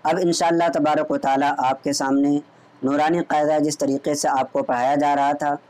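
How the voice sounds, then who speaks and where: A man's voice: a little high, darkish tone. A man teaching Quran reading online, patiently drilling letter sounds. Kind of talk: online recitation lesson.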